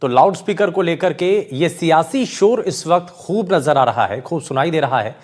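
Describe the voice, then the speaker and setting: A man anchors a television news debate, introducing a panel in a formal, courteous manner and speaking in long run-on sentences. His voice is a little high and animated, at a moderate pace.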